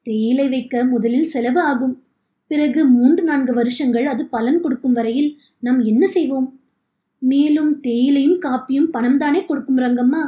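A woman's voice: high voice, normal speed, warm tone, lightly acted. A woman reading the part of a worried, plain-spoken farmer, in an audiobook. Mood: earnest. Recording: echoey room.

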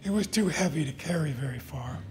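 A man's voice: on the high side, animated, fairly quick, darkish tone, a little hiss or hum, lightly acted. A man voicing a wife in a fable, asking and answering plainly with a somewhat raised voice. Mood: matter-of-fact. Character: plain-spoken wife, adult woman, matter-of-fact.

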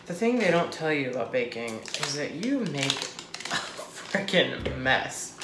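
A man in his twenties chatting casually and excitably to camera as he bakes, giggly and gushing. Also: on the high side, takes it slowly. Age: 20s. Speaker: host of a home baking vlog. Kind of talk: casual chat to camera while baking. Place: home kitchen. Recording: echoey kitchen, clicks and background noise.

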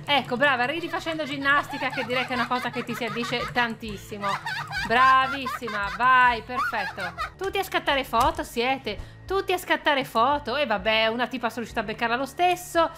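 A woman's voice: high-pitched, fast talker, hardly any pauses, over music. A woman giving casual gameplay commentary, playfully teasing and taunting the characters on screen, with sudden squealing outbursts. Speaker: gaming video creator.

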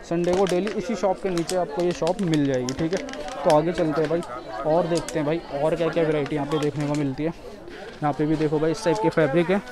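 This vlogger and host walks viewers through a street market outdoors, addressing them as "brother" and repeating himself a lot in a casual way. He speaks fast, in a fairly high, fairly even voice, with the crowd chattering around him.

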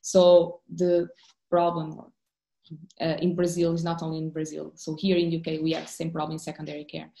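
Woman, lowish flat voice, mellow tone, echoey room, video call. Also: gravelly. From Portugal. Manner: repeats openers, measured. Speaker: panelist. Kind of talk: panel discussion over video call. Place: home room indoors.

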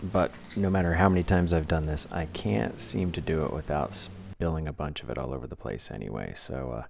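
A man hosting a do-it-yourself channel, talking through a craft demonstration in a relaxed, practical, plain-spoken way as a close-miked voice-over. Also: extremely low pitch, brisk, creaky, background noise. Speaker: DIY channel host. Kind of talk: casual tutorial voice-over.

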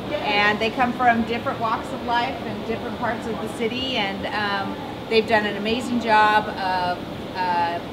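A woman's voice: fairly high pitch, very noisy. A woman hosting at a trade-show booth, giving an effusive, casual thank-you speech to her staff. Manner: warm, effusive, praising. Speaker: host presenting her sales team. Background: loud music.

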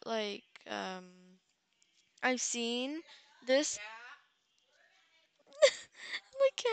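A woman's voice: a little high, no room sound. Sleepy, giggly young woman gaming vlogger. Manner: chatty, giggly, easily excited. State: tired, just woke up. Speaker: gaming channel host. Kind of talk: casual gameplay commentary.

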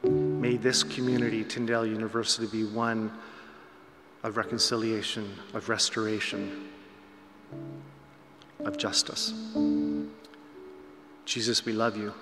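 A man prays steadily at a pulpit microphone, keeping his voice level and even. His words ring through a roomy chapel with a long reverb tail, while guitar plays clearly underneath. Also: on the low side. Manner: measured, solemn. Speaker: prayer leader. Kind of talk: spoken congregational prayer. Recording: echoey chapel hall with loud guitar.

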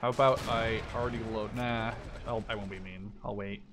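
A Dutch man in his twenties hosts a gaming video, chatting and bantering casually as he plays. His voice is lowish and his pace moderate, but he's excitable and often exclaims. Gunfire and artillery from a war game sound in the background.

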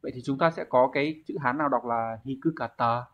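On a dull lo-fi recording, a man with a Vietnamese accent leads a Japanese exam lesson at a fairly quick clip. His voice sits in the mid range, and he explains each answer step by step while asking himself questions.

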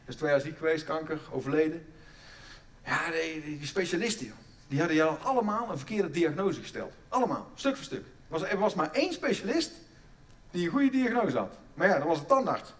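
A middle-aged man doing a stand-up comedy routine on a theatre stage, stammering through restarts and breaking into loud bursts of mock outrage. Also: fairly high pitch, sing-song, a little fast, distant mic.

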